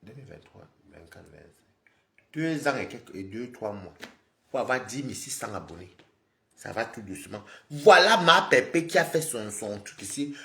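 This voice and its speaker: A man live streaming, scolding and lecturing his viewers in an animated, repetitive rant. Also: medium pitch, normal speed, reverberant, slight background noise. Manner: scolding, animated, repeats himself, talks straight to viewers.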